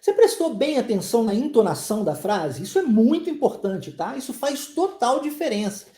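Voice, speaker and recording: A woman's voice: fairly high pitch, very animated, fairly quick, warm tone. Chatty woman teaching English, echoey room. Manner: chatty, laughs often, checks in with "ok?" and "tá?". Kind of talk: live online language lesson.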